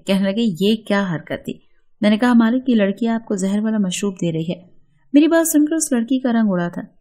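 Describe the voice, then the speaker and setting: A woman with an Urdu accent reading a first-person story in a steady, earnest storytelling manner. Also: fairly high pitch.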